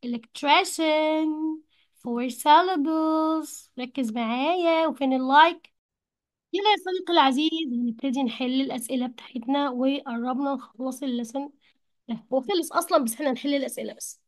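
A woman teacher with an Egyptian Arabic accent, explaining English words to young pupils in colloquial Arabic and repeating each English word slowly. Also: high voice. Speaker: primary school English teacher. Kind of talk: Arabic-language lesson explaining English vocabulary.

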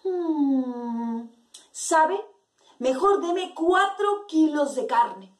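A woman voicing a worried village mother, slow and hesitant. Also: high voice, big pitch swings, echoey room, distant mic, exaggerated voice. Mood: wary. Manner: hesitant, mulling things over.

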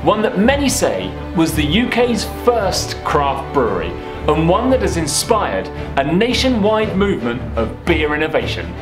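A man's voice: on the high side, wildly swooping pitch, moderate pace. A young man in his twenties from the UK hosting a beer vlog, presenting a scripted piece to camera with playful asides. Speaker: beer vlogger host. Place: small room indoors. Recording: echoey room with light music.

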